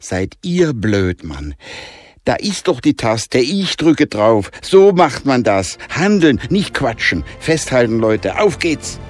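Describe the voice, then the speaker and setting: A man voicing a decisive, brisk teenage girl in a storybook adventure. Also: medium pitch, sing-song, voice pushed up. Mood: bossy. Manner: commanding, brisk.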